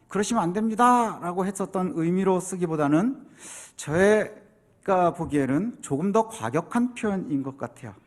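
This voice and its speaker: A man preaching a sermon as pastor, explaining scripture and acting out quoted voices with rising intensity. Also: on the high side.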